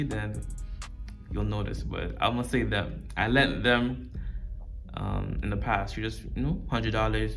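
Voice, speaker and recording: Slangy man chatting casually over music. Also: mid-range voice. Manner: slangy street talk, informal. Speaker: video channel host. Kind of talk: casual off-the-cuff talk to camera.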